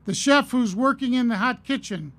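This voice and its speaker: Middle-aged guy giving a graduation speech, higher-pitched voice, earnest and storytelling, podium mic. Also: fairly bright tone. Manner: earnest, storytelling, measured pauses. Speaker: commencement speaker. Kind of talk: commencement address. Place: outdoor stage at a podium. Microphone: podium mic on a stand.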